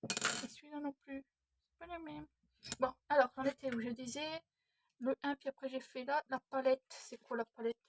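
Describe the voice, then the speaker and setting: A budgeting vlogger in her thirties mutters and thinks aloud to herself at home while working through savings challenges. Her high voice has fairly even intonation and a moderate pace, with slight background noise.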